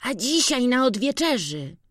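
A narrator voicing an eager young village farmhand boy in a high, excited, chattering voice in an audiobook. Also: unhurried, dry recording, clean studio sound.

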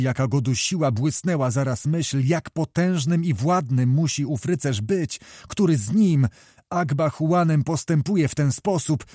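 A man narrating a historical novel as an audiobook in a measured, even storytelling manner. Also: on the high side, no echo, studio quality.

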